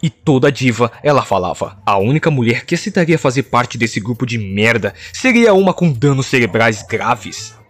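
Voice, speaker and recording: Um jovem adulto brasileiro narrando em tom casual e cômico, cheio de gírias e deboche, com sotaque brasileiro. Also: male voice, mid-range voice, normal speed, dry recording, faint music behind. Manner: slangy, mocking, expressive. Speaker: comic book recap narrator. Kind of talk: comedic casual recap narration.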